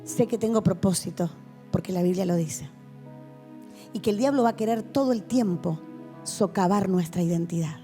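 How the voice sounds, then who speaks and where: A woman's voice: mid-range voice, moderate pace, warm tone, soft background music. A woman pastor with a Rioplatense Spanish accent, giving a passionate testimony sermon to a youth meeting in a church hall. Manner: passionate, vivid storytelling.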